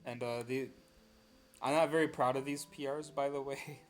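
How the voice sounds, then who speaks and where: A man's voice: medium pitch, steady tone, moderate pace, faint music behind. A tired young man hosting a casual chat about league rankings, rambling with many fillers and self-deprecating asides. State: tired, losing his voice. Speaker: host of draft league power rankings.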